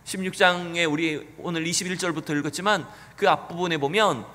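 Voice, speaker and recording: A man's voice: a little high, steady tone, a little fast, pushed and bright. A male pastor preaching a sermon earnestly, asking the congregation rhetorical questions. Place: church sanctuary. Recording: church hall with long reverb.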